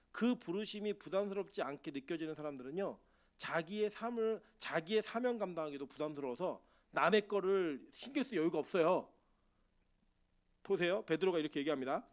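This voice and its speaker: A man preaching a sermon as pastor of a church, asking the congregation questions and acting out Bible figures in quoted speech. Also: on the high side.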